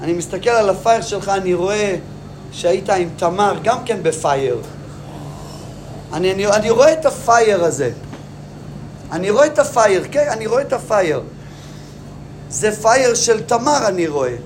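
A man's voice: high-pitched, animated, pauses often, a little mellow, slight background noise. A man voicing Joseph, a mocking, all-knowing ruler of Egypt who needles with question after question. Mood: taunting.

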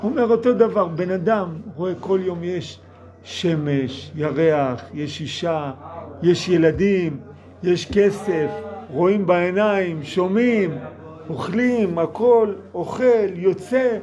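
A man's voice: sits high, darkish tone. A man giving a sermon as a parable, telling the story with animation, acting out the characters' lines and dropping English words into his talk. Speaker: religious speaker.

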